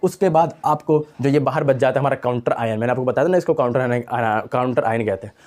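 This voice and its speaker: Speaking fast in a mid-range voice with a darkish tone, a young man runs a casual chemistry lesson as an online lecture. He keeps repeating the key terms and asks questions only to answer them himself.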